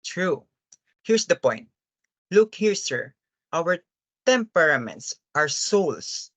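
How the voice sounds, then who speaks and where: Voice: medium pitch, sing-song, slow, a bit bright, no room sound, heavily acted. Actor playing an earnest, deferential, anguished father. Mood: earnest, pleading. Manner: formal, hesitant, pleading. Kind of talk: dramatic stage-play reading.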